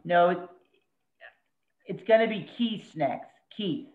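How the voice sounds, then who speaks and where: A woman organizing a video call, gently prompting the host to move on. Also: fairly low pitch, animated, slow. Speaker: meeting organizer. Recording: tinny phone-like line.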